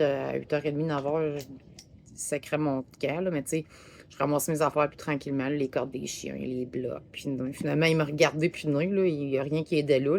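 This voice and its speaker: A woman with a low voice and a Québécois French accent talks through her day on the road. Her talk is loose and rambling, full of filler words. She chats to her viewers from a parked RV. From Quebec, Canada. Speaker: RV travel vlogger. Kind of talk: casual travel vlog recap. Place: parked RV in a parking lot.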